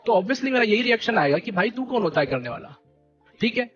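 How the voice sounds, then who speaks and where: A young man leading a gaming team, ranting to his stream viewers in an animated, indignant way and repeating fillers. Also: sits high, brisk, highs cut off, soft background music. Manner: animated and indignant, keeps repeating "theek hai" and "bhai". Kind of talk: heated live-stream rant.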